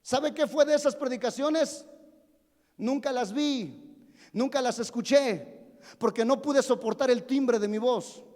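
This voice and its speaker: Unhurried and darkish, a very high-pitched man's voice delivers a sermon. The pastor, in his forties, recounts humorous tales about himself and asks the congregation things, with long reverb filling the church hall.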